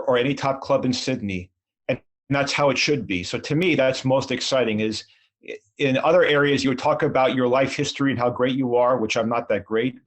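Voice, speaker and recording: A middle-aged man answering interview questions earnestly, rambling and self-deprecating, with frequent restarts. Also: medium pitch. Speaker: sports league commissioner.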